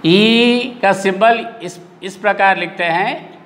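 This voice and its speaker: A man teaching a recorded lesson to young children, explaining slowly and repeating sounds aloud. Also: sits high, a bit bright, long reverb tail.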